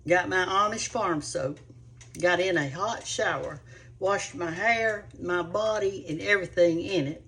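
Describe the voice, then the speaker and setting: A woman's voice: lowish voice, a little slow, fairly bright tone, breathy edge. A woman hosting a cooking show, chatting to viewers in a rambling, homespun way. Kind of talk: casual chat to viewers.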